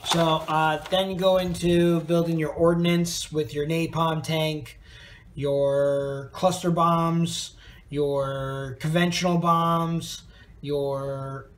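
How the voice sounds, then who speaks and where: Tired rambling man, fairly high voice. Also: little pitch movement, slow. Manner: rambling, lots of ums and uhs. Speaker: scale model reviewer. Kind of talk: casual unscripted kit review.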